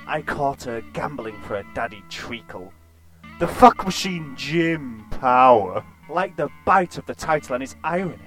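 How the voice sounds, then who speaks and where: A man reading an absurd, crude comic story in a deadpan way. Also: mid-range voice, unhurried, soft background music.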